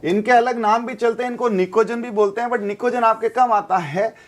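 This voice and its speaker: High-voiced chemistry teacher drilling. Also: male voice, normal speed. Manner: repetitive, drilling, asks and answers his own questions. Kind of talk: classroom lecture with call-and-response drills.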